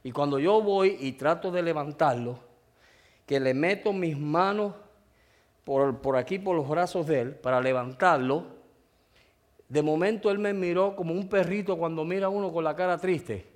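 A man's voice: on the high side, normal speed. A man preaching a sermon, telling a personal story and calling out to the congregation for an amen. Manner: emotional storytelling, calls out to the congregation.

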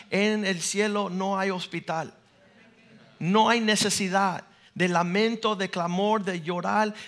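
High, gravelly male pastor; preaches in bursts, drops to a hush for stories. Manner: preaching, swings between loud declarations and hushed storytelling. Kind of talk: sermon with personal stories.

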